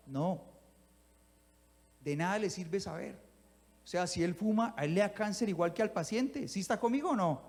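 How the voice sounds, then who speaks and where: A man's voice: high-pitched, long reverb tail. A male pastor, preaching a sermon that he livens up with acted-out scenes, often asking his listeners whether they follow him. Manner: animated, acts out little scenes and asks the congregation if they follow.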